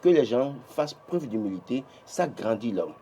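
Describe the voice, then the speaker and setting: The audio is dull, with slight background noise, as a man with a Beninese French accent reviews the press on a morning TV show. His medium-pitched, dark-toned voice is expressive at a moderate pace. His political commentary is emphatic, full of restarts, and climbs in pitch whenever he presses a point.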